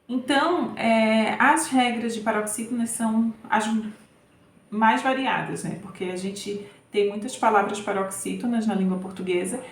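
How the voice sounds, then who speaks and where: A woman's voice: mid-range voice, reverberant, slight background noise. A woman Portuguese teacher patiently working through grammar exercises, checking in often with short tag questions.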